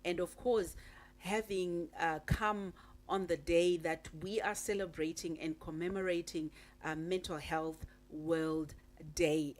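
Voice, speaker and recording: A woman hosting a talk show, introducing and questioning her guest with frequent pauses and fillers. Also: low voice. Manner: slow, halting, with many uh fillers. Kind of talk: radio talk show interview.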